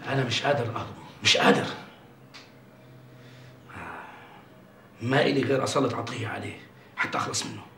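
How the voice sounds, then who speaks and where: An actor playing Sabri, a scheming, flustered landlord and engineer, speaking Jordanian Arabic with blustering pleas. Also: male voice, extremely high pitch, animated, racing, sharp tone, reverberant, recorded from a distance, slight background noise, full character voice.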